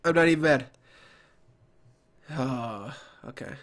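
A young man giving casual, halting reaction commentary, sounding nasal and stuffed up from crying, close to a desk mic. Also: medium pitch, fairly bright tone, a little hiss or hum. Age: young adult. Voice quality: nasal, congested. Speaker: anime reaction video host. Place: small furnished room at home. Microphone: close desk microphone, headphones on.

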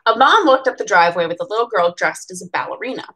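A fast-talking woman in her twenties with an American accent reads a children's picture book aloud expressively, tossing in casual asides. Her medium-pitched voice is expressive, bright and forceful, and she's a bookseller at a storytime event in a small room at home.

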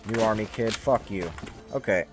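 A man's voice: fairly low pitch, normal speed, over loud music. A young man giving casual gameplay commentary in a weary, grumbling way. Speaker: gaming video host. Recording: noisy recording with game gunfire. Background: video game gunfire.

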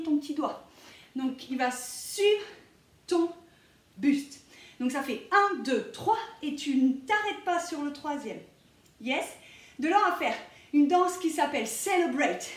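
A woman teaching a dance routine, counting beats aloud and scatting the rhythm, with English cues mixed into her French. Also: sits high. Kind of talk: dance tutorial, counting steps. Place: dance studio. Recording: roomy, distant camera sound with music. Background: dancehall music.

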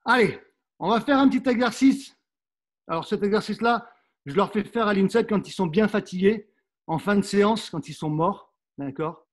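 He's a middle-aged fencing coach running a live workout class in a high voice at a moderate pace. Coaxing and instructive, he keeps adding "hein" during demonstrations and now and then moves off the mic.

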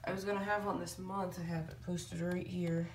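This woman's voice sits on the low side with a darkish tone, and she speaks at a moderate pace with flat delivery. As a hobby video creator, she gives viewers a hesitant, rambling vlog update indoors in a small room at home. The handheld camera or phone mic sounds distant and roomy, with slight noise.

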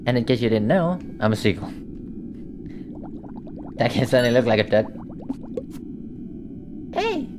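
A man's voice: mid-range voice, wildly swooping pitch, measured pace, long pauses, noisy background. A man reading out a posh male seagull who guides players through setting up an aquarium in a game, with a chatty manner. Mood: cheery. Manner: posh, chatty tutorial narration. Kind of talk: reading game dialogue aloud.

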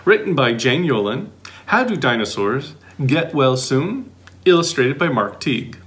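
Sing-song questions and playful asides fill this middle-aged man's expressive reading of a children's picture book; he volunteers as a storybook reader. His mid-range voice is animated, a bit bright, and a little slow, with a slight hiss or hum on the recording.

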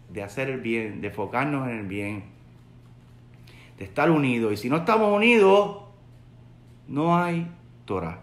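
In his home study with bookshelves, a man in his forties from Puerto Rico, a rabbi, gives an earnest Torah lesson to a webcam and goes over his key points again. His voice is fairly high-pitched with a fairly bright tone and a Puerto Rican Spanish accent. A roomy echo colors the recording.

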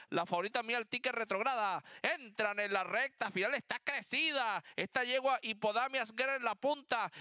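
High-pitched, piercing male race caller. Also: smooth, no room sound, studio quality. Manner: excited, urgent calling of the action. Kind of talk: race caller commentary on horse races.

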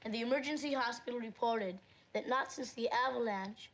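A woman's voice: on the high side, a little fast, a bit bright, low-quality recording. A woman reading a scripted, mock-serious news report as film narration.

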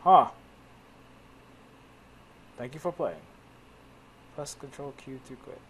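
A man's voice: mid-range voice, expressive, slow pace, a little hiss or hum. A man giving casual, joking gameplay commentary as a let's play host, thinking aloud as he goes. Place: voice-over on game capture, music behind.

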